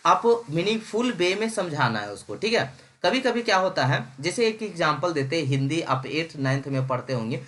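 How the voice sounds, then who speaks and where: A man's voice: a little high, big pitch swings, fairly bright tone. A young man giving a recorded engineering lecture, mixing English terms into his talk and checking in with his students often. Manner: repeats "ठीक है" often, reads English lines slowly. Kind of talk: recorded online lecture in Hindi-English mix.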